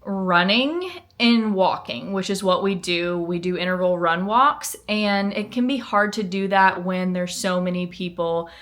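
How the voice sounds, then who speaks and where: A woman's voice: fairly low pitch, unhurried, fairly bright tone. A woman chatting casually and informally to camera as a vlogger, often saying "like". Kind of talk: casual vlog chat to camera.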